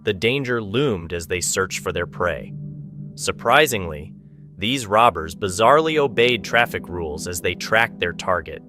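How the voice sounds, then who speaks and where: A man with a fairly low voice delivers dramatic scripted narration. Music plays clearly behind him. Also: expressive, a little slow, bright, forceful tone.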